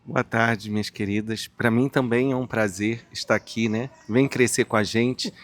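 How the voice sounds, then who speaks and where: A Brazilian man speaking as a guest psychologist on a podcast, talking in a warm, rambling way with frequent tag questions. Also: medium pitch, fairly even intonation, moderate pace. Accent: Brazilian Portuguese. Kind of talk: casual podcast conversation.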